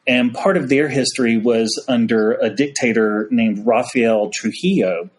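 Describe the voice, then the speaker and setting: A man's voice: medium pitch, measured pace. Man, folksy storyteller, priest on a podcast, casual chat. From United States. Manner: folksy storyteller, frequent "y'all". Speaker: Episcopal priest, podcast guest.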